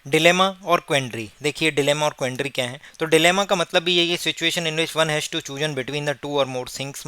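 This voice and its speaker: A man's voice: a little high, pushed and bright, smooth, no echo. A man teaching exam vocabulary, explaining word meanings step by step with English definitions mixed in.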